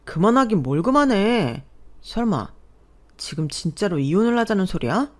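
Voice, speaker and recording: A woman's voice: medium pitch, very animated, normal speed, close to an everyday voice. A woman voicing a tired husband caught between his wife and his mother in a radio drama. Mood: weary. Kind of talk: Korean radio drama acting.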